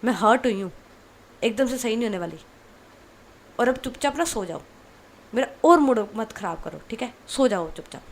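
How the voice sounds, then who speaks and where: A woman's voice: a little high, lively intonation, normal speed, pauses often. A woman voicing a young female student, a hurt girlfriend who scolds firmly. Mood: stern. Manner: firm, scolding.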